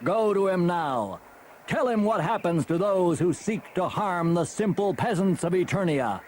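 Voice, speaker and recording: A man's voice: sits high, lively intonation, a little slow, darkish tone, slight background noise, pitched above the performer's own voice. A man voicing a mighty, righteous warrior hero with stern declamation in a children's fantasy storybook. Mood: stern rebuke.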